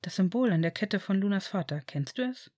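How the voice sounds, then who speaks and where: A woman voicing a caring, steady young man, in an audiobook reading of fan fiction. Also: mid-range voice, a little fast, dry recording, studio quality, natural voice. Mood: reassuring. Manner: reassuring, earnest.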